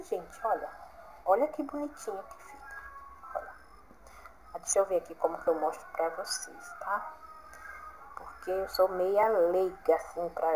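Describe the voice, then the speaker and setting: A woman's voice: medium pitch, low-quality recording. Brazilian woman chatting thru a craft tutorial, keeps cheering viewers on, bit of faint noise behind her. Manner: chatty, encouraging, keeps saying "gente" and "olha". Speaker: crafts vlogger. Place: home.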